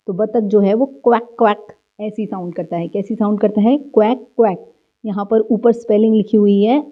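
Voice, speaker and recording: A woman teaching young children a worksheet lesson, going slowly, repeating words and answering her own questions. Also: mid-range voice, smooth. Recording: slightly dull, lo-fi audio.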